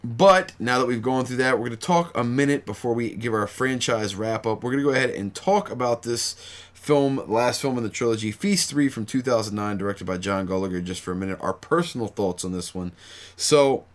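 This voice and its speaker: A man's voice: mid-range voice, fairly quick. Tired, profane male podcast host. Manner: profane, loose and rambling. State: tired late at night. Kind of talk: casual podcast chat.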